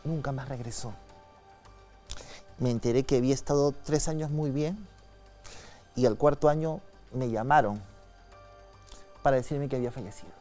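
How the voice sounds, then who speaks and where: Un hombre con acento peruano, invitado ocultista, que narra con calma y en voz baja una experiencia personal en una entrevista. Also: male voice, medium pitch, moderate pace, pauses often, soft background music. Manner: soft-spoken, calm storytelling with frequent tag questions. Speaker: occultist guest. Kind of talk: telling a personal story in an interview.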